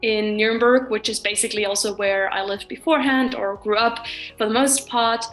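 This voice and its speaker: A woman's voice: fairly high pitch, fairly even intonation, brisk, a bit bright, faint music behind, rough recording. A woman in her twenties, a master's student, talking casually about her studies with frequent ums and likes. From Finland and Germany. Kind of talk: casual interview talk.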